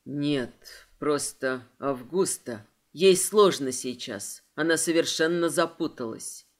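A woman voicing a gentle young husband who speaks quietly and tenderly. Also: low-pitched, takes it slowly, pitched below the performer's own voice.

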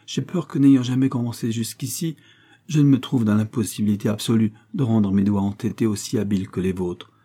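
A timid, courteous young woman, fond of books, pleads gently with her aunt in a read-aloud novel, played by a man. Her speech is soft and shy. The voice underneath is low and husky. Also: lightly acted.

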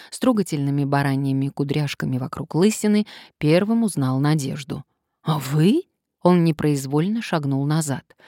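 A woman narrating an audiobook in a steady storytelling manner. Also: low-pitched, dry recording, clean studio sound. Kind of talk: scripted narration.

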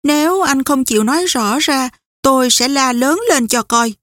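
A woman's voice: moderate pace, fairly bright tone, no echo. A nervous young wife asks her questions in a raised, stumbling voice, as a woman narrator puts her on. The sound is close and dry. The storybook reading lifts her well above the narrator's usual tone. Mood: anxious. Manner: high, anxious, stammering. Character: anxious young Southern wife.

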